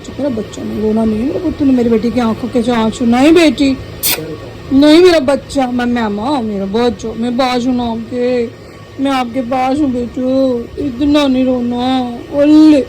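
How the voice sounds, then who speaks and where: A woman's voice: a little high, fairly even intonation, moderate pace, warm tone, faint music behind, low-quality recording. A woman talking baby talk to her pets, coaxing and soothing them with cooing, repeated words. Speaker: pet owner.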